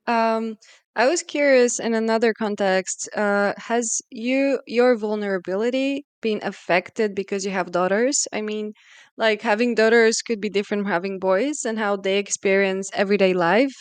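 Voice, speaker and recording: A woman's voice: medium pitch, moderate pace, clear, resonant tone, dry recording. A woman hosting a podcast, asking curious, thoughtful questions with some hesitations. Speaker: podcast host. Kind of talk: interviewing.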